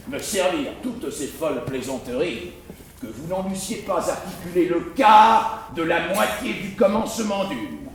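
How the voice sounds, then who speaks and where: Hammy, high-pitched Cyrano in echoing hall. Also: male voice. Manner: hammy, declamatory stage acting with grand flourishes. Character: proud, witty swordsman mocking his own huge nose. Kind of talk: classical French verse theatre monologue. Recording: very echoey hall, distant mic, background noise.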